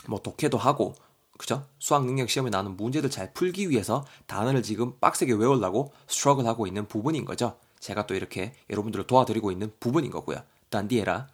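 A man teaching English vocabulary on a podcast, chatty and lively, spelling words out letter by letter. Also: lowish voice, slightly rough.

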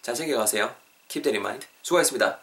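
A man hosting a podcast English lesson, chatty and questioning his listeners, slowing down to repeat example phrases. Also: mid-range voice, expressive, a bit bright, far from the mic. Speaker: English teacher, podcast host.

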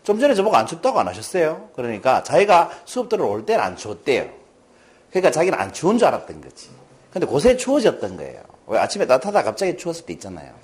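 Animated middle-aged male lecturer. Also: fairly high pitch, fast. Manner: animated, addresses audience with questions. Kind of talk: storytelling lecture to a class.

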